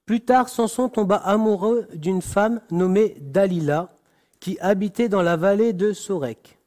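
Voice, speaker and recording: A man preaching, reading a Bible passage slowly and deliberately, stumbling and correcting himself now and then. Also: sits high, dark tone. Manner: slow, deliberate reading with frequent restarts and apologies.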